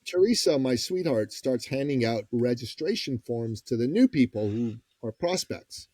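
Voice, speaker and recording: A man, a business coach and podcast guest, telling a story in a lively, folksy way and acting out the people he quotes. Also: mid-range voice, moderate pace, slightly rough, no echo. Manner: lively, acts out quoted voices; direct, folksy phrasing. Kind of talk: conversational storytelling.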